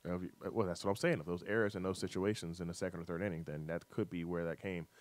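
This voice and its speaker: A man's voice: deep voice, fairly even intonation, very fast, dry recording. A man hosting a casual sports talk radio show, reading out scores and schedules with fillers and teasing his co-host.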